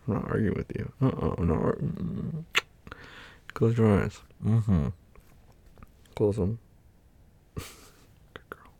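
A man softly murmuring and whispering in an intimate roleplay, soothing a partner back to sleep. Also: fairly low pitch, expressive, slow, long pauses, no room sound. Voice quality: husky and breathy. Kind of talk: whispered boyfriend roleplay ASMR.

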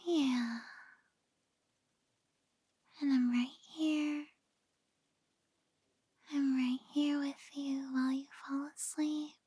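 A woman playing a tender, reassuring partner in an ASMR role-play, speaking gently and close in the listener's ear as if lulling a loved one to sleep. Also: high voice, flat delivery, dry recording. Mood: soothing, lulling. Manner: slow, gentle, soothing.

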